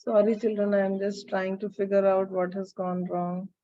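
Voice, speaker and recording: A woman's voice: mid-range voice, flat delivery, moderate pace, warm tone. A woman with an Indian accent teaching chemistry in an online class, captured in a screen recording, calling on students by name and checking they follow. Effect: screen-recorded online class audio. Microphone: video call computer mic. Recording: dull lo-fi video call audio.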